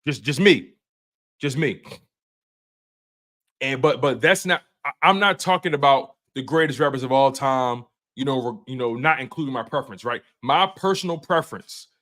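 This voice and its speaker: On his live sports stream, a man in his 20s talks to viewers in a laid-back, slangy style, often repeating phrases and restarting sentences. His voice is mid-range and his pace moderate.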